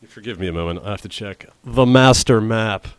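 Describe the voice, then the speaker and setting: A man's voice: fairly low pitch, brisk, clean tone, dry recording. A man acting as game master, narrating a tabletop game in a casual manner. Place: indoors at a game table on an online call.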